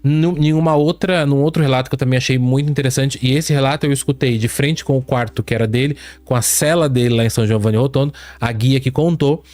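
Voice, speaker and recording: A man hosting a podcast, retelling eerie accounts in a casual, animated way and dropping his voice low for the spooky quotes. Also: quick pace, few pauses, dry recording. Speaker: podcast host. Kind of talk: casual storytelling chat.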